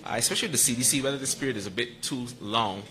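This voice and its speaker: A man answering questions at a press conference about quarantine and screening, explaining with quick asides. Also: mid-range voice, pushed and bright, low-quality recording. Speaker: medical school panelist.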